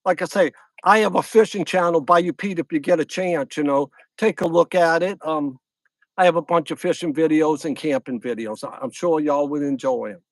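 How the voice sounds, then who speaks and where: A middle-aged man with a Louisiana accent chats loosely through a phone livestream from a lakeside camp at night. His voice sits fairly high for a man, and the sound is dry and close. He rambles, repeats his lines and greets viewers one by one. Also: normal speed, dry recording. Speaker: fishing channel host. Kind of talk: casual livestream chat.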